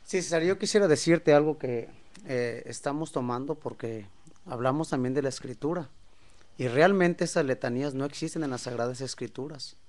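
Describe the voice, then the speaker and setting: A man's voice: mid-range voice, normal speed, a little mellow. A man on a religious talk program, earnestly reading and citing scripture to make his point. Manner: earnest, reads and cites scripture. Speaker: co-host of a religious discussion program. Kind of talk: casual religious discussion.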